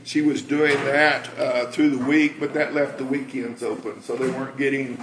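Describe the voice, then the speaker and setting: A mid-range voice with fairly even intonation and a moderate pace belongs to an American man roughly sixty years old, booming like a preacher. He trades anecdotes in an informal talk and interview inside a cafe, where the room echoes and background noise comes through clearly.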